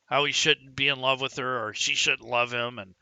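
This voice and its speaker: A man's voice: medium pitch, fairly even intonation, normal speed, bright, forceful tone, clean tone, no room sound. A man narrating as game master in a tabletop game, in a casual, rambling way with fillers.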